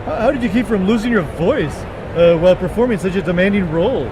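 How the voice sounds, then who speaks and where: A man voicing an excitable sock puppet interviewer, goofy and gushing, stammering through fan questions. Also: high voice, fast talker, background noise. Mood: eager, fannish.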